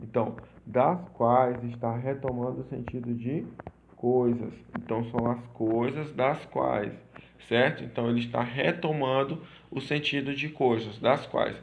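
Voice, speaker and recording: A man's voice: mid-range voice, fairly even intonation, a little slow, vocal fry, slight background noise. Man teaching a grammar lesson. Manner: repetitive, checks in with "certo?" and "tá?".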